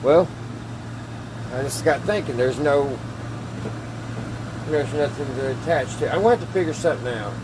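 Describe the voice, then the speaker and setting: In a small wood-panelled indoor workshop, a middle-aged hobby radio repair host talks at normal speed with a slightly high voice, leaving long pauses. His casual chat is folksy and hesitant as he thinks aloud and demonstrates hands-on tinkering. Background noise is audible.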